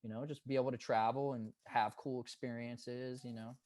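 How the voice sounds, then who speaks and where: A man's voice: medium pitch, level tone, moderate pace, a little mellow, dry recording. A man in his twenties, a guest on a casual podcast interview, telling stories in an earnest, upbeat, hyped way. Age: 20s. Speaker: guest, pro paintball player.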